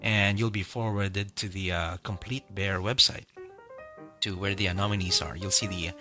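A man's voice: low voice, steady tone, normal speed, over music. A man hosting a podcast, chatting casually and rambling with many fillers and restarts. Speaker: podcast host.

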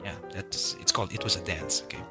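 A man hosts a casual podcast, his voice sitting a little low. He rambles through his points with frequent fillers and restarts while music plays clearly behind him. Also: quick pace. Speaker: podcast host.

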